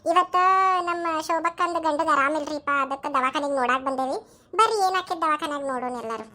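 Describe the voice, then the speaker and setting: A woman's voice: high-pitched, quick pace, sharp tone. A woman with a North Karnataka accent opening a village comedy cartoon as its cheerful host figure. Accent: North Karnataka Kannada.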